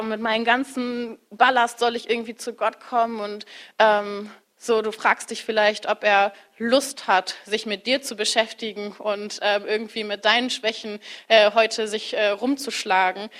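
A woman's voice: mid-range voice, a bit bright. Woman preacher, young adult, casual sermon delivery with direct address. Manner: conversational, direct address with fillers and rhetorical questions.

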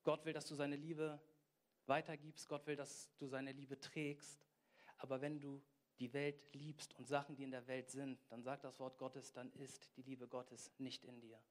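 A man preaching a sermon with passion, swinging between quiet intensity and loud exhortation, often putting questions straight to his listeners. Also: mid-range voice, level tone, measured pace. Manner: asks the audience direct questions.

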